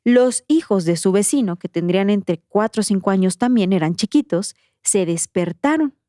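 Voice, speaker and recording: Una presentadora de podcast con acento mexicano que narra de forma coloquial y expresiva, con voz de timbre apagado y cálido. La grabación es seca, de micrófono de estudio. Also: female voice, mid-range voice, normal speed, no room sound, clean studio sound. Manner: slangy, animated retelling. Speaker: podcast host. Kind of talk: casual storytelling.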